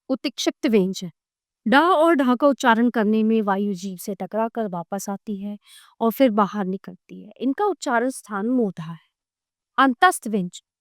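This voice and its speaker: A woman with a fairly high, smooth and resonant voice narrates a grammar lesson for children. She speaks in a clear, measured way, reading out lists of words at an unhurried pace. The recording is dry and close. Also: dry recording. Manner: clear, measured, reads out word lists slowly. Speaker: teacher.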